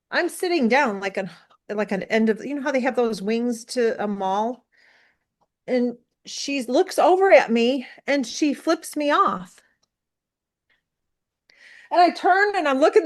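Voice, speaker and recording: Chatty sixty-something american woman, slightly high voice, rambling with lots of "you know". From United States. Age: 60s. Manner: animated, rambling with many fillers. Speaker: interview guest. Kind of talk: casual storytelling.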